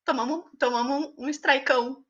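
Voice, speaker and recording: A woman with a Brazilian Portuguese accent co-hosting a casual live chat, telling a story with animated energy and laughter. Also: sits high, muffled recording. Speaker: co-host.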